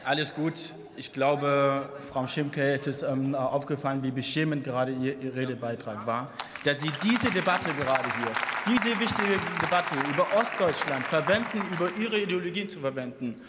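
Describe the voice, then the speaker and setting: A young eastern German parliamentarian from Saxony stands at a lectern microphone in a large chamber, making an impassioned, combative speech in a mid-range voice at normal speed. The background is noisy with a crowd, and the room reverberates with audience murmur.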